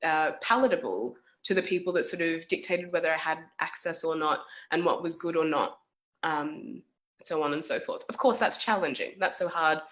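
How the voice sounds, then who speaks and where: A young adult woman from South Sudan, an artist, speaking thoughtfully in a casual talk with many pauses and fillers over a video call. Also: low-pitched, fairly bright tone.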